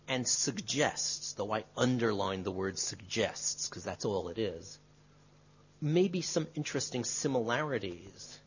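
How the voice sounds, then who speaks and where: A male history professor answering an audience question in a measured, qualifying way, often adding tag questions. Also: medium pitch, breathy edge. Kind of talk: academic lecture Q&A. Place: lecture room. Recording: dull lo-fi lecture recording.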